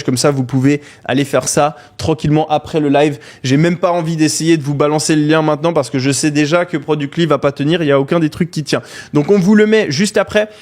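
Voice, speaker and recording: A man hosting a live online course, talking energetically to viewers in the chat, with frequent hesitations. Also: a little high. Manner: excited, calls out to viewers; many fillers and hesitations. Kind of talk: energetic live webinar pitch.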